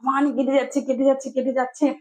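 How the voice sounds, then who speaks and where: A woman's voice: high-pitched, little pitch movement, racing, a little mellow, rough recording. A young woman telling viewers a story about her child in a chatty, rambling way, full of fillers and restarts.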